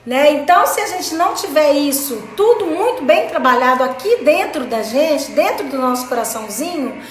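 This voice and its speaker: In a roomy home craft studio with music playing, a Brazilian woman with a Brazilian Portuguese accent runs a casual live stream, calling out viewers by name. Her high-pitched voice is expressive and moves at normal speed.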